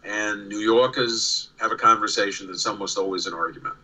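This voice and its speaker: With a crowd audible behind him, a man in his sixties from New York tells casual stories as a guest on a video call, his faint New York accent coming through amid restarts and repeated words. His lowish voice moves fairly quickly with fairly even intonation. The remote call audio is poor.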